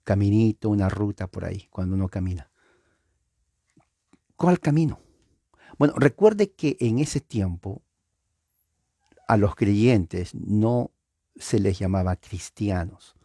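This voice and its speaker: A man's voice: fairly low pitch, expressive, slow pace, pauses often, mellow, no echo, clean studio sound. A man teaching a Bible study, explaining word meanings and often checking that listeners understand.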